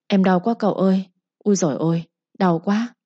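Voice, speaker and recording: A woman's voice: medium pitch, normal speed, dark tone, breathy edge, no echo, natural voice. A woman voicing a sly young female servant who whimpers and pleads while faking pain. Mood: whimpering. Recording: slightly muffled recording.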